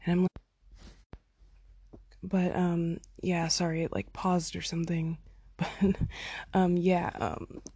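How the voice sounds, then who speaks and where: A chatty young woman recording herself on her phone, piling on fillers and playing out each line of dialogue. Her voice is mellow and slightly husky, sitting a little low. The sound is close and dry, with no room around it. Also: flat delivery, slow pace, long pauses, no room sound. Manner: chatty, lots of "like" and "oh my God", acts out quotes. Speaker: podcaster telling a concert story. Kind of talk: casual storytelling.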